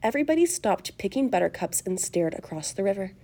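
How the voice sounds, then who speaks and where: A woman narrating a children's novel aloud, expressive and animated. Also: medium pitch, moderate pace, creaky.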